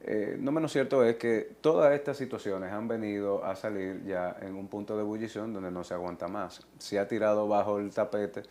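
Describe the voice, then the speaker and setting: Male guest, low voice, measured and deliberate delivery. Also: fairly even intonation, a little mellow, a little hiss or hum. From Dominican Republic. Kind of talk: TV talk show interview.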